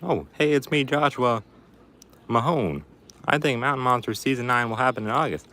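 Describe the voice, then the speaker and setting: Outdoors in a backyard, a man hosts a livestream and reads viewer comments, chatting casually in a put-on folksy Appalachian hillbilly accent to disguise his voice. His medium-pitched voice is animated, bright and forceful, at a moderate pace.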